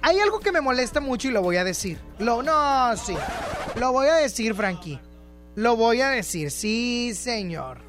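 A Mexican man hosts a radio show in a high, animated voice, teasing and repeating lines for laughs. His pitch swings widely. Music plays clearly under him in the studio. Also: a little slow. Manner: playful, teasing, repeats himself for comic effect. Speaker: radio host. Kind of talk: casual radio chat. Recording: music playing clearly behind.

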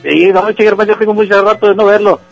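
Shop clerk on the phone, Mexican man, husky and high-voiced. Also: steady tone, fast talker, highs cut off, soft background music. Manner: polite, then laughing along. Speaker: shop employee taking a prank call. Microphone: phone line.

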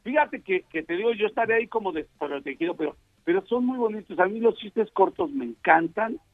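A man's voice: sits high, brisk, no room sound. A man, a comedian, animatedly telling jokes and stories. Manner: animated storyteller, voices many characters. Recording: tinny phone line.

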